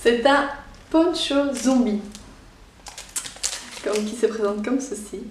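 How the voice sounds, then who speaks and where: A young Belgian woman with a Belgian French accent, chatting excitedly through a casual unboxing vlog. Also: on the high side, takes it slowly, far from the mic, a little hiss or hum. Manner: chatty and excitable, many fillers. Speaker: YouTuber. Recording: echoey room, voice somewhat off-mic.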